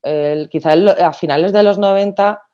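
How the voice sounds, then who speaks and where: A woman in her thirties from Spain, a podcast guest telling her story in a lively way with many restarts. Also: fairly low pitch, moderate pace, highs cut off. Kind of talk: casual podcast interview.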